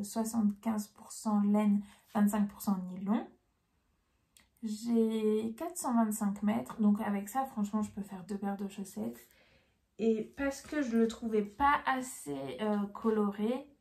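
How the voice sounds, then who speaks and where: Slow-paced and steady in tone, a young woman with a medium-pitched, darkish voice and vocal fry shares her knitting purchases. Her casual haul vlog is chatty and enthusiastic, packed with fillers.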